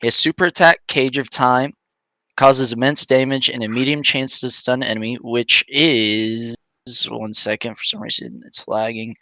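Brief: man, casual co-host, bright and forward tone, dry close sound, reads stats off a card. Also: medium pitch, fairly even intonation, moderate pace, no room sound. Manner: reads game stats aloud, laughs often. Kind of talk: casual podcast chat.

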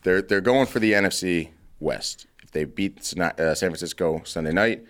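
Deep-voiced male podcast co-host, blunt and profane, argumentative, casual. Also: normal speed. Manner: chewing gum while talking. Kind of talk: casual sports chat.

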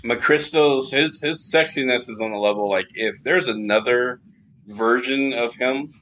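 A man's voice: mid-range voice, a little slow, bright, forceful tone, low-quality recording. A man appearing as a guest on a casual podcast, rambling and enthusiastic. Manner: rambling, enthusiastic, many restarts.

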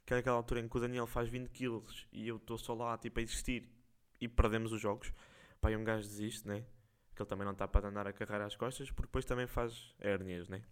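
A young man with a European Portuguese accent, hosting a podcast and telling stories casually in slangy, animated, jokey speech. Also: on the low side, fast, clean tone. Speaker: podcast host. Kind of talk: casual storytelling.

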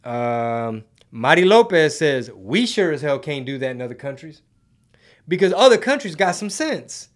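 A man's voice: fairly high pitch, very animated, moderate pace. A man hosting a casual live commentary show, talking in slangy, conversational phrases to his viewers.

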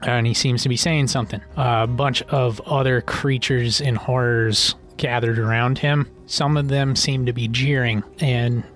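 Mid-pitched man narrating as game master. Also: steady tone, moderate pace, hardly any pauses, a bit bright. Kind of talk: improvised narration of a tabletop fantasy game. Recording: music behind.

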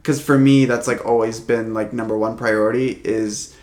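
A man's voice: fairly low pitch, fairly even intonation, normal speed, a little mellow. Rambling young man in an echoey room. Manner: rambling, full of fillers and restarts. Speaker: podcast co-host. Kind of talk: casual chat.

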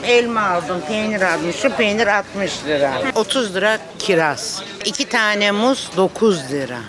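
Exasperated market shopper, crowd all around. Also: female voice, medium pitch, lively intonation, unhurried. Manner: exasperated complaining. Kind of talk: street interview. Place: outdoor neighbourhood street market. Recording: busy outdoor market crowd noise.

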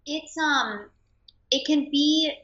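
A woman's voice: high voice, takes it slowly, a bit bright. A woman podcast guest chatting in a casual, motivational way, emphatic and informal. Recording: roomy, dull lo-fi audio.

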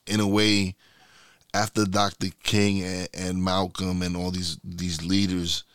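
A man's voice: sits low, little pitch movement, unhurried, a bit bright, clean tone, no echo, studio quality. A man in his mid-forties speaking candidly in a conversational interview, often restarting and searching for words. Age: 40s.

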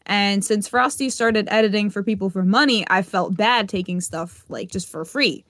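A woman's voice: medium pitch, moderate pace, fairly bright tone, no echo, studio quality. A young woman co-hosting a casual podcast, earnestly explaining herself. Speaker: podcast co-host. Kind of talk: casual chat.

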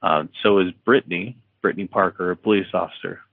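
An author being interviewed speaks in a very low, slightly rough voice with vocal fry, telling a story at a relaxed pace. His talk is rambling, full of fillers and restarted sentences, and he acts out bits of dialogue. The recording sounds dry and narrow, like a phone line.

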